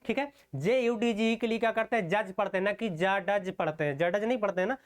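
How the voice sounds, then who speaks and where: A man teaches an online shorthand class in a smooth voice that sits high. He moves through the strokes slowly and step by step while writing, often asking rhetorical questions and checking in with "okay."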